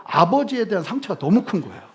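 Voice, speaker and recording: A male pastor giving a sermon, telling humorous stories with sudden loud bursts. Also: sits high, very animated, fast.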